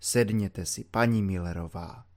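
A man reading an audiobook, voicing a good-natured simple soldier in a low, grave, drawn-out way with colloquial everyday speech. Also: expressive, close to an everyday voice. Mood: solemn.

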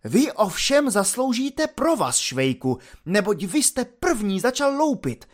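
A man voicing an exasperated army lieutenant who berates his soldier at full shout, in an audiobook reading. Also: high-pitched, sing-song, voice pushed up. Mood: furious.

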